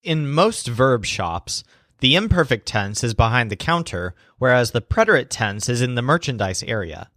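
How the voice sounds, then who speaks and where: Male teacher, scripted mnemonic narration, lively intonation, mid pitch, dry sound. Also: moderate pace, no echo. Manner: animated storytelling, spelling words out. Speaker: language teacher.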